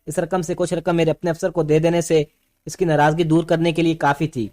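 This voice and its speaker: A man narrating a first-person story with steady, dramatic storytelling. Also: a little high.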